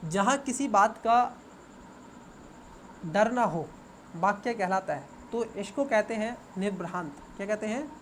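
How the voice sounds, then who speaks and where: A man's voice: sits high, animated, measured pace, long pauses, fairly bright tone. Male exam coach walking through a paper, repeats each term, quizzes viewers rhetorically, faint background hiss. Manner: repeats words and asks students rhetorical questions. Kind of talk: exam paper answer walkthrough.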